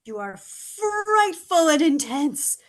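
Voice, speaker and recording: A woman's voice: sits high, very animated, slow, pitched above the performer's own voice, heavily acted. A woman doing a desperate pleading crow. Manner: pleading, breathless, grows frantic. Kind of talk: audio drama reading.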